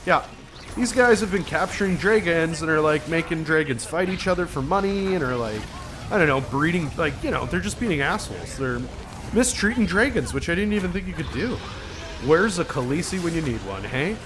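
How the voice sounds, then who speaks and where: A man's voice: fairly high pitch, expressive, fairly quick, over music. A man hosting a gaming channel, giving casual let's-play commentary in a profane, joking way. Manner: profane, joking, laughs at himself.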